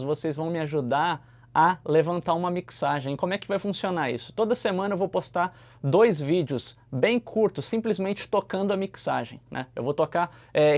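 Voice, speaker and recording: A man with a Brazilian Portuguese accent who explains audio mixing in a casual, chatty way and keeps tagging his sentences with a questioning "né?". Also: a little high. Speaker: YouTuber teaching audio mixing. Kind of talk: casual explanatory talk to camera.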